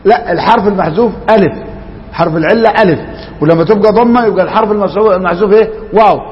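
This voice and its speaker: A man's voice: sits high, very fast, in a large hall, highs cut off. A man with an Egyptian Arabic accent teaching a classroom grammar lesson, quizzing students and repeating their answers.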